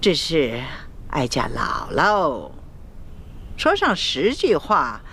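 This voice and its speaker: An actress playing an elderly, shrewd empress dowager in a Chinese costume drama, measured and outwardly doting while sweetly passive-aggressive. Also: female voice, deep voice, huge pitch swings, fairly bright tone, breathy edge, heavily acted. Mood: plaintive, needling. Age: older.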